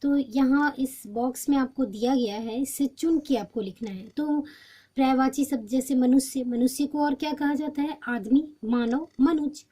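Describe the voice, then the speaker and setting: A woman teacher explaining a textbook lesson patiently, pausing often with fillers and restarts. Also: sits high, mellow.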